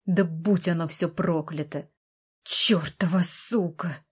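A woman voicing a bitter, angry young man in a wheelchair who shouts coarsely, in an audiobook. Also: medium pitch, slow pace. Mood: furious.

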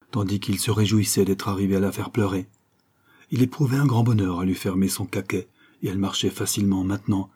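A man reading a novel aloud as an audiobook narrator in a measured, even way. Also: lowish voice, husky. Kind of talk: scripted narration.

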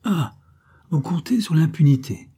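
A man's voice: on the high side, expressive, unhurried, warm tone, breathy edge, voice pushed up, heavily acted. A man reading an audiobook voices a cold, implacable scheming creole woman who speaks in a cool, threatening, commanding way. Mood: coldly threatening.

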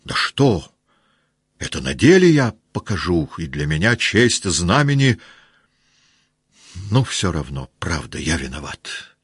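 A man's voice: sits low, very animated, takes it slowly, pauses often, slightly rough, no room sound, clean studio sound, heavily acted. A man voicing a proud young count, earnest and flustered, pleading with his fellow officers.

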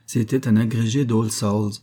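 A man giving a measured, even reading of a classic novel as narrator. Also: on the low side. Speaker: audiobook reader.

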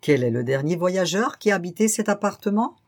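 Reader doing a fussy anxious gentleman, higher and louder than the narration, exclamatory, suspicious. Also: animated, brisk, close to an everyday voice. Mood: fretting. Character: fussy anxious middle-aged bourgeois man.

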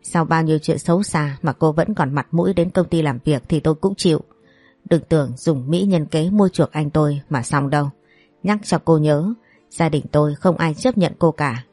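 A woman's voice: low-pitched, moderate pace, warm tone, no echo, faint music behind. A woman voicing a spiteful, scheming young woman who sneers and insults her rival.

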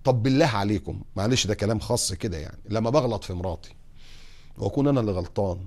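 A man with an Egyptian accent preaching on morals, putting lively rhetorical questions to his audience and telling humorous anecdotes. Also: on the low side, very fast. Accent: Egyptian Arabic. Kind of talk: religious talk on morals.

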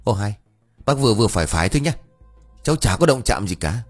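A man voicing a cheeky, gossipy young village man who talks high and whiny, speeding up when upset. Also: big pitch swings, fast, slightly rough, soft background music. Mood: chatty.

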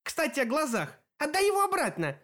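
A man's voice: very high voice, wildly swooping pitch, brisk, pushed and bright, pitched above the performer's own voice, exaggerated voice. A man reading an audiobook, voicing a grasping, wailing, blind old hag woman. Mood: wailing, greedy. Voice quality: piercing wail.

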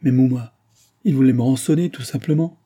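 A man's voice: normal speed, warm tone, husky. A man reading an audiobook voices a distraught young woman who owns a bar, tearful and pleading. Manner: tearful, pleading, rising pitch.

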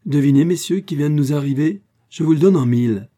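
A man reading aloud, voicing a lively young Parisian woman with bright, excited exclamations. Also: fairly low pitch, normal speed, slightly rough. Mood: playful.

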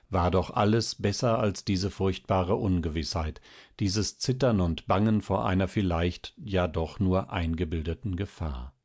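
A man calmly narrating an old German novel in a measured audiobook reading. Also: low voice. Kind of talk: scripted narration.

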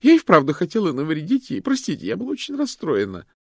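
A man voicing a frightened female fortune-teller suspect who stammers and pleads in a shrill voice. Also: big pitch swings, fairly quick, gravelly, a little mellow, no echo, studio quality. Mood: panicked confession.

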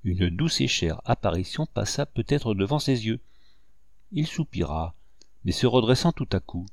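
A man narrating a novel as an audiobook in a steady, even reading. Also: fairly low pitch, normal speed, creaky, dry recording, clean studio sound.

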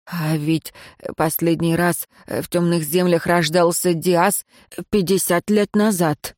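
A woman's voice: fairly low pitch, fairly even intonation, a little slow, darkish tone, no room sound, clean studio sound, lightly acted. A woman voicing a stammering, frightened male servant in an audiobook, hesitating on every phrase. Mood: nervous.

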